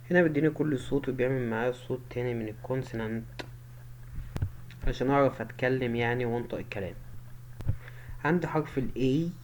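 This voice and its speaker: A man with an Egyptian Arabic accent teaching English pronunciation, drilling each word and sound over and over. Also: medium pitch. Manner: drills words slowly, repeating each sound many times. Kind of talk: pronunciation lesson. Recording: slightly dull with faint background noise.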